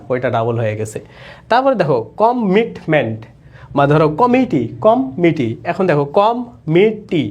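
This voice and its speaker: Man, young adult, a bit high-pitched, online exam-prep teacher, step-by-step explaining. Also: darkish tone. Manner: explains step by step, asks the class questions. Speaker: English teacher for admission exams. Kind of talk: online lecture.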